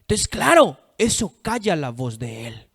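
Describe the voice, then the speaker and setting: High-voiced preacher with big swings. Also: male voice, very animated, unhurried, gravelly, husky. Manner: emphatic, swings from loud to hushed; reads scripture aloud. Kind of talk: sermon.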